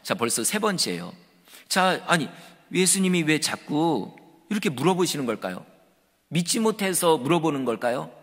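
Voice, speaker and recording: A man preaching a sermon as pastor, animated and conversational. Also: fairly high pitch, normal speed, breathy edge. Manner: animated, conversational preaching that acts out quoted speech. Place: church sanctuary. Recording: reverberant church hall.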